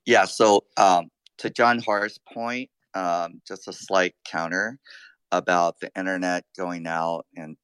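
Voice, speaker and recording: A man speaking in a casual online discussion over a bad connection, his voice cutting out and his speech coming through halting and fragmented. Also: sits low, fairly even intonation, fairly bright tone, clean tone, no room sound.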